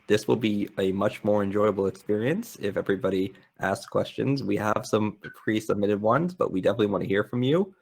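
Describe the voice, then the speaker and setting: A man moderates a convention panel in a low, gravelly voice. He speaks in a flat, self-described monotone while introducing guests and reading statements aloud. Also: fairly quick, few pauses. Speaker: panel host.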